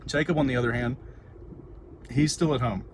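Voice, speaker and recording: Middle-aged Texan male vlogger, mid-pitched, informal and rambling, recorded in a car with clear ambient noise. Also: fairly even intonation, moderate pace. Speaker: vlogger and parent. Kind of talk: casual chatty livestream, answering viewers. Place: inside a car.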